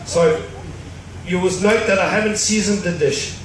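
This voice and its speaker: A man's voice: sits high, steady tone, normal speed. A middle-aged man, a chef, explaining a recipe step by step with dry jokes at a live cooking demonstration. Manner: explanatory, dryly joking. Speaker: cruise ship chef. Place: cruise ship show stage before an audience. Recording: echoey hall, distant mic, noise.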